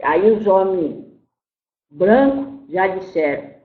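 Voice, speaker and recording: A woman's voice: medium pitch, expressive, takes it slowly, narrow, tinny audio. A woman voicing the spirit of an old, once-enslaved grandmother. In a channeled spiritual talk, she scolds her listeners and calls them "my child". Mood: mournful telling. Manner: storytelling, repeats "my child", scolds then grieves. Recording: roomy echo.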